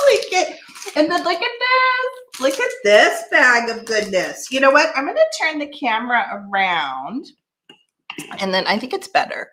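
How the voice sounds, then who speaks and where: A woman chatting excitedly as she opens gifts on her craft vlog, gasping and exclaiming often. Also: a little high, slight background noise. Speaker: craft vlogger. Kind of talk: casual unboxing chat. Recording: echoey room.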